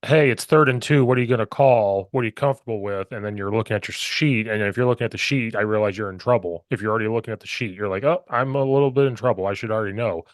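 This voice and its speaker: A man hosting a podcast who tells stories quickly and with energy, acting out the quotes in them. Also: lowish voice, dry recording, studio quality. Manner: quick, animated storytelling, acts out quotes. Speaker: podcast host. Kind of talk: podcast interview.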